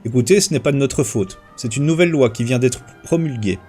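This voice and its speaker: A man's voice: medium pitch, fairly quick, soft background music, natural voice. A man doing an apologetic village well keeper. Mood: firm. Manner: calm, apologetic explaining.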